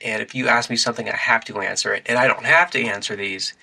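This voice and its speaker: A man's voice: lowish voice, fairly even intonation, quick pace, gravelly, sharp tone, poor audio. A man hosting a casual podcast chat, laid-back and chuckling as he asks questions. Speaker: podcast host.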